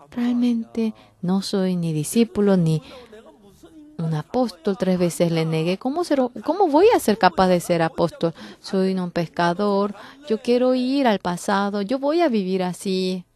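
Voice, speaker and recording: A woman interpreting a church sermon, speaking fervently with sudden loud, emphatic bursts. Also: medium pitch, lively intonation, slow pace.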